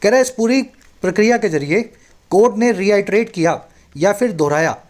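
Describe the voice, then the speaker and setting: High-voiced man teaching in Hindi. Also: lively intonation, a little mellow. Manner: explains in Hindi, reads English lines slowly. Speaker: English tutor. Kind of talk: bilingual newspaper reading lesson.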